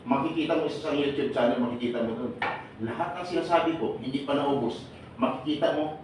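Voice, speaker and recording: Man addressing a crowd, quizzing and joking, slightly high voice, heavy hall echo. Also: far from the mic, a little hiss or hum. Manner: exhorting, asks the audience rhetorical questions, jokes. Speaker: seminar speaker and radio broadcaster. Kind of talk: lively speech to a live audience. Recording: echoey hall, voice off-mic.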